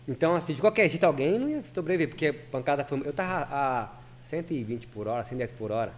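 A man's voice: a little high, lively intonation, quick pace, a little hiss or hum. A man who is a lay preacher, a guest on a podcast, telling a personal story in casual, earnest talk full of restarts and repeated words.

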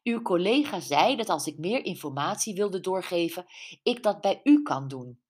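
A woman's voice: lowish voice, normal speed. Brenda, a woman doing an eager amateur sleuth. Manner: excited, questioning. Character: eager nosy middle-aged woman sleuth.

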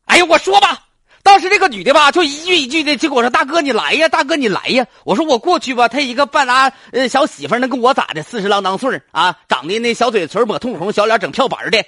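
A man's voice: very high-pitched, expressive, quick pace, sharp tone, breathy edge, dry recording, pitched above the performer's own voice, exaggerated voice. A man playing a flustered, sheepish elderly theft victim in a comic skit, stammering and rambling with a Northeastern Chinese accent. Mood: agitated, excited. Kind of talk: comic radio skit acting.

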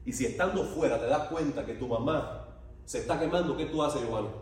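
A man's voice: on the high side, fairly quick. Man preaching in an echoey hall. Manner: animated storytelling, asks the congregation questions. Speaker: pastor. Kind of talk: sermon. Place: church hall. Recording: echoey hall from far off, faint noise.

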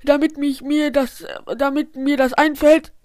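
A woman playing a goofy, dim-witted and excitable schoolboy in a homemade story. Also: high-pitched, measured pace, dry recording, studio quality. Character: dim-witted cheerful boy pupil.

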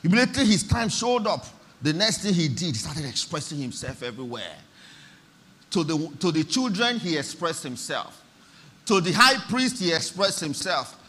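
A man's voice: a little high, very animated, normal speed, sharp tone, breathy edge. A man preaching a church sermon, driving his points home with emphatic repetition and calls for the congregation to respond. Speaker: pastor.

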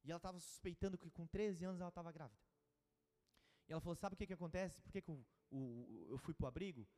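A Brazilian man in his thirties preaching a sermon, telling stories with emotion, moving from hushed to urgent. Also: on the high side, fast. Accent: Brazilian Portuguese. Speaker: pastor. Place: church hall. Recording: reverberant church hall.

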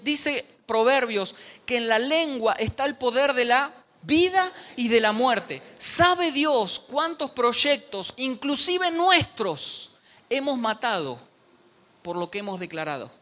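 A man's voice: very high-pitched, a little slow. A man preaching a sermon in a church, joking and speaking straight to the congregation. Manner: animated, joking preacher addressing the congregation directly.

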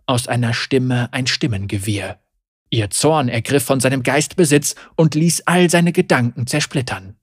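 A man narrating a scripted fantasy story in a measured, grave storytelling manner. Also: medium pitch, slightly rough, dry recording, studio quality.

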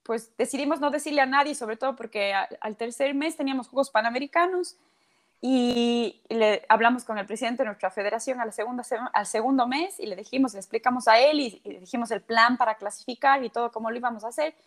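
High-voiced woman telling a story. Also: fast. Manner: animated, acts out quoted voices. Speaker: guest athlete. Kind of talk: storytelling in casual chat.

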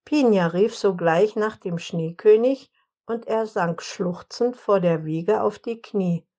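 A woman reads a storybook aloud at an unhurried, very slow pace. Her delivery is calm and measured throughout. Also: medium pitch, muffled recording. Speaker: narrator. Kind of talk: audiobook narration.

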